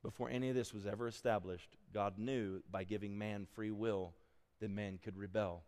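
A man's voice: on the low side, steady tone, moderate pace, darkish tone, long reverb tail. A man, a pastor, preaching a sermon in a church sanctuary, quizzing his congregation as he goes.

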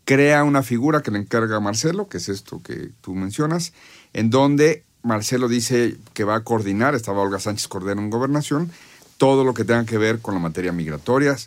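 A Mexican man speaks in a medium-pitched voice as a panel analyst. He lays out political arguments conversationally, explaining step by step and pressing his point. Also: lively intonation, a little fast. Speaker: panel commentator.

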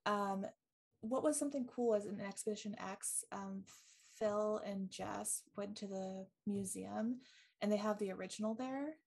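In an unhurried, gravelly, slightly mellow medium-pitched voice, this podcast co-host casually retells a ghost story. She leans heavily on ums and likes. Her manner is chatty and she laughs easily.

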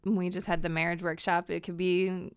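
Gravelly-voiced mom co-hosting Bible chat. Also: female voice, lowish voice, normal speed, no room sound, studio quality. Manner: laughs often, lively and candid. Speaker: co-host and scripture reader. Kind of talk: casual Bible study discussion.

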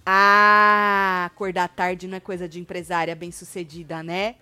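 A woman's voice: lowish voice, little pitch movement, a little fast. A woman with a Brazilian Portuguese accent co-hosting a casual chat, joking and mocking in a playful way. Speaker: co-host of a gossip channel.

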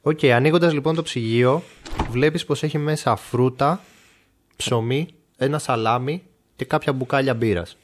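In a mid-range voice, a man serves as game master for a mystery podcast game, narrating a description of a room. He keeps a steady pace and uses small fillers.

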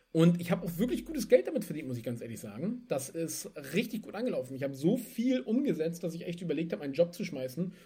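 As a guest in an interview, a young spirits entrepreneur from Germany chats about his background in a lively, casual manner. Pitched a little higher than most men, his voice breaks into occasional laughter while he shares his stories.

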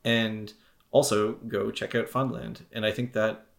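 Gravelly low-voiced man co-hosting a podcast. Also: level tone, a little slow. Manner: rambling, jokey, trails off. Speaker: podcast co-host. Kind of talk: casual chat.

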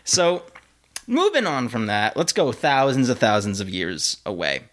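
A man's voice: mid-range voice, sing-song, measured pace, a bit bright. A man co-hosting a podcast, telling a history story in a laid-back, giggly way with lots of fillers. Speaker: podcast co-host. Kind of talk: casual history chat.

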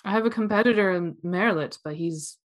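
A woman's voice: mid-range voice, fairly quick. A woman as game master of a tabletop role-playing game, narrating and voicing characters with frequent laughs.

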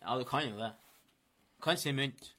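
Man co-host, bright tense tone, playful and laughing. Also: mid-range voice. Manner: laughing, playful, swears casually. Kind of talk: casual sports talk show.

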